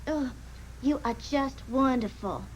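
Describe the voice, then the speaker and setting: An actress playing a gushing, flirtatious damsel client in a noir parody sketch. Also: female voice, high-pitched, a little slow, rough recording. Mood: coy, flirtatious. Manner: gushing, coy. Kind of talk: sketch comedy acting. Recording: music behind the voice.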